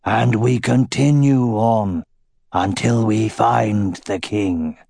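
A man voicing an old, wise male dragon who gives measured, grave counsel. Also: on the low side, creaky, warm tone, husky, no room sound, studio quality, full character voice.

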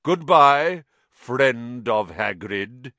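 A man voicing an ancient male giant spider, croaking and grave, speaking slowly in a storybook reading. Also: mid-range voice, lively intonation, pushed and bright, no room sound, full character voice. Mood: fierce. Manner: slow, grave pronouncements.

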